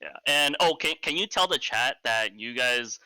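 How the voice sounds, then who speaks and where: Male esports caster, casual interviewer, crisp tone, irreverent. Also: mid-range voice, animated, normal speed, bright, forceful tone, no echo, rough recording. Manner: joking, crude, laughs often, rambling. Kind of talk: casual post-match interview.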